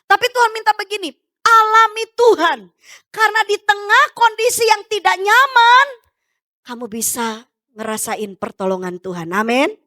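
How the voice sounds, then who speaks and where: High bright-voiced woman pastor preaching. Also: expressive, normal speed, no room sound, studio quality. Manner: emphatic, swings between loud urging and soft low asides. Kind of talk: sermon.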